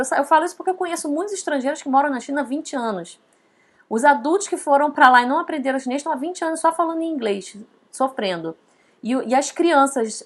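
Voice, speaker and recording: A woman teaching a casual online lesson, chatty, often tagging her points with quick questions. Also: sits high. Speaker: Mandarin teacher.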